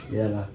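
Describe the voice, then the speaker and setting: An actor with a Cameroonian French accent playing a smooth-talking older man courting a young girl, with a wheedling, coaxing manner. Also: high voice, heavy background noise, full character voice.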